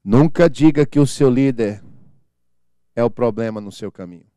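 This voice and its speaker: A man preaching a sermon as pastor, swinging from soft low asides to loud proclamations and comic impressions of churchgoers. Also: normal speed, no room sound. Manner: animated, mimics church members with comic voices.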